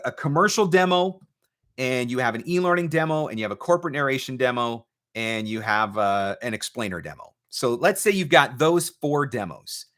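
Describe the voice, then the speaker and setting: A voice-over marketing coach hosts a live question-and-answer advice talk in a mid-range, somewhat bright voice. His delivery is emphatic and coach-like, sprinkled with rhetorical questions.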